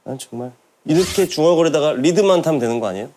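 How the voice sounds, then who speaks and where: A grumbling hospital boss. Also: male voice, high voice, very animated, fast talker, a little mellow. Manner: mutters complaints under his breath. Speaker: hospital staff in a sitcom. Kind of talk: improvised sitcom scene. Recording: noisy background.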